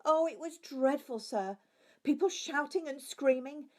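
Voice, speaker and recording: Theatrical pantomime actress witness, played by a woman, high-pitched. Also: unhurried, darkish tone. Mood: dramatic.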